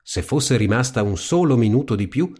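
A man reading a fairy tale aloud as storybook narration, in an expressive, lively manner. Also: mid-range voice, normal speed, slightly rough.

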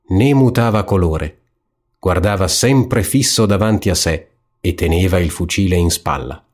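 A man narrating a classic fairy tale aloud in a calm, measured voice. He has a slightly lower pitch than most men, and he tells the story at an unhurried pace.

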